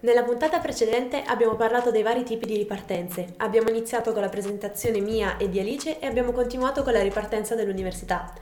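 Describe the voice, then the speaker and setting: Young female student-radio presenter, Neapolitan accent, brisk scripted delivery, roomy sound over light music. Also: on the high side, a little mellow, a little hiss or hum. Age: young adult. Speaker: student radio show co-host. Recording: roomy echo, music behind.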